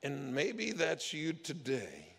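A man with a high, gravelly voice preaches to his congregation, chatting through stories and playing the voices of the people in them. His tone is bright and forceful. The sound carries a long reverb from the church hall. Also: huge pitch swings, slow pace. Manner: conversational storytelling, acts out quoted voices. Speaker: pastor. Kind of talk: sermon.

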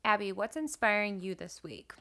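A woman co-hosting a casual podcast chat, upbeat and quick to laugh. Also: mid-range voice, animated, fairly bright tone. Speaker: podcast co-host.

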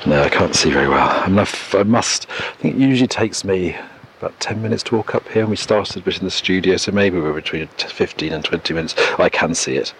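A man's voice: deep voice, animated, fast, fairly bright tone. A man hosting a casual solo podcast outdoors, musing unhurriedly and thinking aloud, recorded on cassette tape. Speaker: podcast host. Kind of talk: casual solo podcast commentary while out walking. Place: outdoors by an oak tree in countryside. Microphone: portable cassette recorder. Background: noise, clicks.

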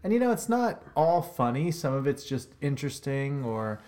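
A man co-hosting a casual podcast chat, explaining things in a relaxed, rambling way that trails off. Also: mid-range voice, normal speed. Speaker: podcast co-host.

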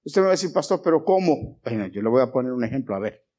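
A man preaching a sermon as pastor, animated, asking his congregation questions and swinging between loud and soft. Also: mid-range voice, quick pace. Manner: animated preaching, rising and dropping in volume. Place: church.

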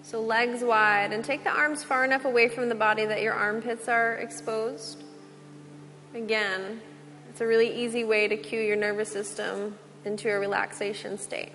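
A woman teaching yoga, giving slow, gentle relaxation cues with long pauses. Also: on the high side, little pitch movement. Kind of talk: guided relaxation instruction. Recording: long reverb with soft music.

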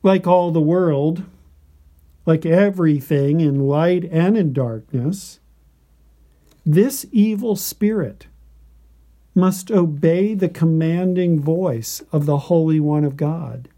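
Man doing slow devotional narration, super dark mellow voice, takes his time, reverent. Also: fairly high pitch. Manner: slow, deliberate, reverent delivery.

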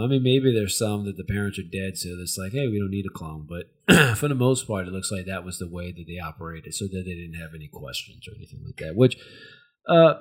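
Casting: American man, fairly deep, casual host who rambles and hesitates through a recap. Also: darkish tone, breathy edge. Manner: rambling, hesitant, searching for words. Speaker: podcast host. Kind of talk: casual discussion and episode recap.

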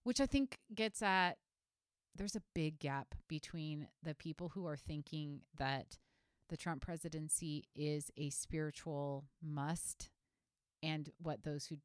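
A woman co-hosting a podcast, analytical and thoughtful, speaking in quick bursts with restarts. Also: low voice, clear, resonant tone, no room sound, studio quality. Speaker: podcast co-host. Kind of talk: casual conversational podcast.

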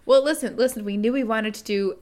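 A woman co-hosting a book podcast, chatting excitedly and laughing easily with her sister. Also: a little high. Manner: excitable, gushing, quick to laugh. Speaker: podcast co-host. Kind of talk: casual chat.

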